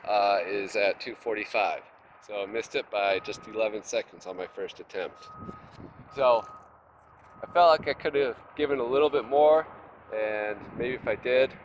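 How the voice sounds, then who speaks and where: A man with a slightly congested, head-cold voice talks in a casual, halting, self-deprecating vlog monologue, matter-of-fact throughout. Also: on the low side, rough recording. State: has a cold with nasal congestion. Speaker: vlogger, trail runner. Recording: loud wind and outdoor noise on mic.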